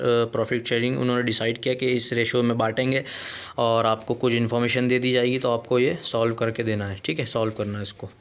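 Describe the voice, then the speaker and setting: A man of middle pitch walks students through accounting questions in a relaxed, chatty video lesson. He repeats phrases, fills gaps with hesitations and often restarts a word before he finishes it. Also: clear, resonant tone. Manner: chatty, repeats himself, many fillers and restarts. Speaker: accountancy teacher.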